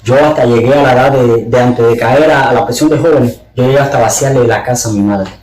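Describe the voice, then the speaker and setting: As a podcast guest, a man offers an earnest, fervent emotional testimony, his voice climbing when he is moved. It is mid-range, a little mellow and a little fast, recorded in an echoey room.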